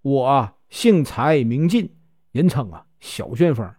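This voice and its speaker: A man's voice: medium pitch, animated, a little slow, darkish tone, no echo, studio quality, pitched below the performer's own voice. A man voicing Chai Jin, a gracious and courteous noble lord of a manor, in a told story.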